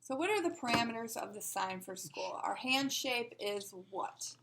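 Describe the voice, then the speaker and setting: A woman's voice: on the high side, lively intonation, moderate pace, noisy background. A woman teaching a sign language lesson, patiently explaining and asking rhetorical questions as she demonstrates.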